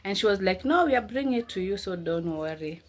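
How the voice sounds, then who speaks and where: A woman's voice: medium pitch, lively intonation, fast talker. A woman, talking casually to her viewers in a rambling, chatty home vlog and calling them "guys" often. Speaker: vlogger.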